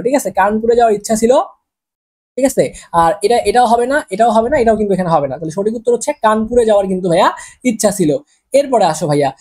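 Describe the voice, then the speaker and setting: A woman's voice: fairly high pitch, warm tone, slightly rough. A woman teacher with a Bangladeshi accent, working through exam quiz questions in a chatty way that keeps checking in with students. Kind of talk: exam-prep lesson solving quiz questions.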